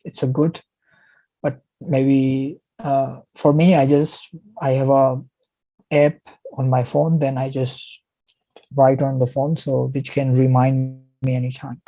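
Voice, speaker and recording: A young adult man from Pakistan, whose first language is Urdu, answers viewer questions as a guest in a casual Q&A chat. His voice is very dark yet medium-pitched and slow, with no echo but poor audio, and he speaks haltingly with frequent restarts.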